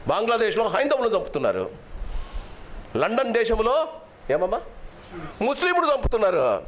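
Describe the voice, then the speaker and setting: Impassioned high-voiced male pastor preaching. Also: slight background noise. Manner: mixes in English phrases. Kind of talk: sermon. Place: church hall.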